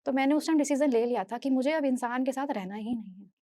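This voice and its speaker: A woman from Delhi giving an earnest, halting first-person testimony as a speaker, often restarting and repeating her phrases. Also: high voice, warm tone, no echo. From Delhi, India. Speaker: speaker sharing a personal story.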